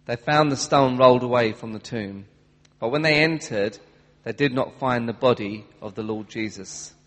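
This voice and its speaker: A man reading a Bible passage aloud to a church congregation, steady and careful. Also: medium pitch, normal speed. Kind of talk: scripture reading. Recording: long hall reverb.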